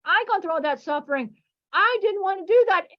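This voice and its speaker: A woman giving an impassioned, emotional spiritual teaching over a video call, her audio cutting out and glitching as she gets louder. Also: extremely high pitch, expressive, fairly quick, dull audio. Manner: emotional, repeats herself. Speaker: spiritual teacher channeling a deity.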